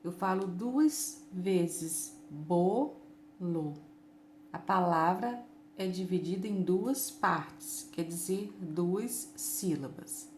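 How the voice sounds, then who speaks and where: A woman teacher giving a children's lesson, saying words slowly and patiently and stretching them out. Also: on the low side. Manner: slow, patient, drawn-out words. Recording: echoey room with faint noise.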